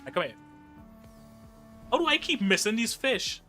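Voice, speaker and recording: On a casual gaming live stream, a young Trinidadian man with a Trinidad and Tobago accent chats loosely, cracks jokes, and reads viewer messages aloud. His slightly high, very bright voice swings widely in pitch at a normal speed, with faint game music behind him.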